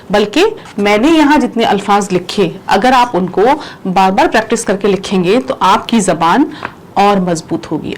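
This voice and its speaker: A woman's voice: fairly high pitch, poor audio. A woman teaching a language lesson, repeating words and explaining how to pronounce and spell them. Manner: explains pronunciation. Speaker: Urdu teacher.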